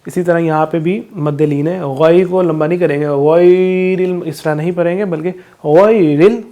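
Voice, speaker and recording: A man with a Pakistani Urdu accent teaching a class, explaining recitation rules and chanting verses slowly. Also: a little high, steady tone, dark tone. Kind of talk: classroom lesson on Quran recitation.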